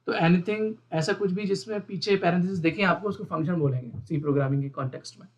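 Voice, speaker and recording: Man, programming teacher, slightly high voice, step-by-step explanations, repeats terms, asks viewers questions. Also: fast. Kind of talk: screen-recorded coding lesson.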